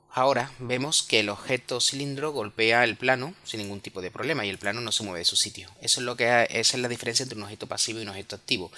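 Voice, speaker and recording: A man from Spain with a Spanish accent, explaining software step by step in a screen-recorded tutorial, often correcting himself and checking in with tag questions. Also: mid-range voice.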